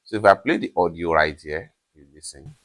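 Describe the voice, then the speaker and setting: A man's voice: low voice, brisk, a bit bright. A man presenting a phone app tutorial, talking through each step in order and leaning on the same stock phrases again and again. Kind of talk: screen-recorded app tutorial.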